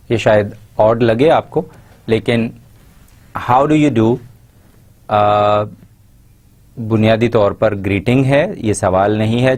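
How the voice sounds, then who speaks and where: A man delivers a recorded lecture in a fairly low voice. He explains points in a steady teaching tone and slows down to read out each English example phrase with care. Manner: explains in Urdu, reads English example phrases slowly and carefully.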